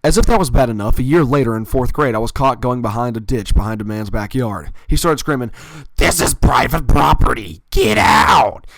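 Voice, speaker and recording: A man's voice: mid-range voice, fast, few pauses, no echo. A man telling a personal story in a casual, rambling way, with fillers and little self-corrections.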